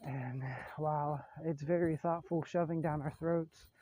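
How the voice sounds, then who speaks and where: Earnest rambling young man, mellow. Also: on the high side, low-quality recording. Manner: earnest, rambling, casual swearing. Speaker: vlogger. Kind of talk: rambling self-help monologue. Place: outdoors near frogs. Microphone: phone.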